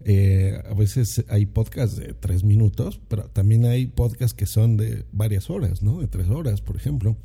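A man hosting his own podcast in a relaxed, rambling way, full of fillers and "¿no?" tag questions, on a condenser mic. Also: fairly low pitch, a little slow, creaky, few pauses, slightly rough. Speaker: podcast host. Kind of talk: casual solo podcast talk. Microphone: condenser microphone.

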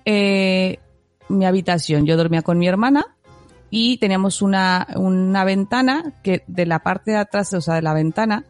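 A woman's voice: mid-range voice, normal speed, dry recording, faint music behind. A woman co-hosting a podcast who chats casually, acts out scenes in her stories and laughs often. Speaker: podcast co-host. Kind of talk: casual chat, storytelling.

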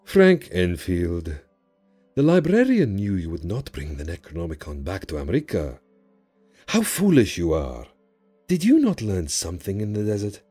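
A man's voice: low-pitched, huge pitch swings, dark tone, breathy edge, faint music behind, heavily acted. A man voicing an ancient male jinn who speaks in grand, cryptic, teasing pronouncements in an audio drama. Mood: grave. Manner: theatrical, teasing, drawn-out pronouncements.

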